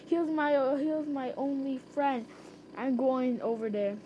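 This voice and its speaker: Woman reading as a young male storybook wolf, stubborn and grieving, fairly high voice, lines read with plain emphasis. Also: measured pace, dull audio, a little hiss or hum. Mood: pleading.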